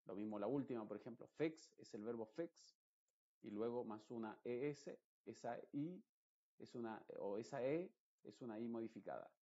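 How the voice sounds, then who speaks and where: A man, teaching English pronunciation in an explanatory lesson and repeating example words slowly and carefully. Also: mid-range voice, warm tone. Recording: dull lo-fi recording.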